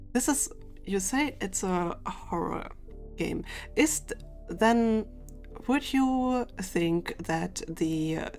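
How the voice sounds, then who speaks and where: Chatty laughing woman running a game. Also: fairly low pitch. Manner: laughs often, quick and chatty. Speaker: game master. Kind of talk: running a tabletop game on stream.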